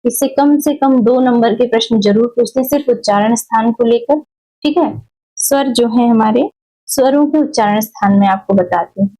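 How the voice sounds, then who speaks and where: A woman's voice: on the high side, moderate pace, warm tone, rough recording. A woman teaching a Hindi grammar lesson, stopping often to check in with her students and drawing out vowel sounds as examples. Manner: repetitive, checks in with "theek hai" often, drags out vowels as examples. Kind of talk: explanatory classroom lesson.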